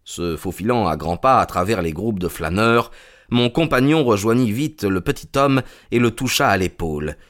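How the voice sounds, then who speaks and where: A man narrating a story in a measured, deliberate reading. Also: on the low side, expressive, fairly bright tone.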